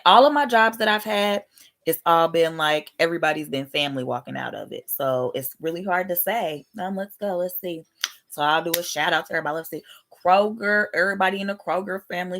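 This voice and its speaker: Casual game host: woman in her thirties, lowish register with plenty of fry, loose slangy delivery that wanders as she thinks. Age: 30s. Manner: rambling, thinking aloud, slangy. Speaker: host of a family question-card game. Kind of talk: casual chat.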